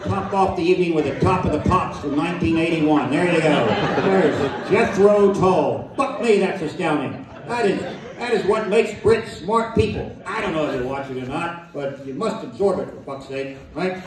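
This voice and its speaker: A man's voice: fairly high pitch, moderate pace, hardly any pauses, over a noisy crowd. Sardonic American man doing stand-up. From United States. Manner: deadpan, sardonic, profane rants. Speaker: stand-up comedian. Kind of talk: stand-up comedy routine. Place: live comedy venue with audience laughter. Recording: echoey distant venue recording.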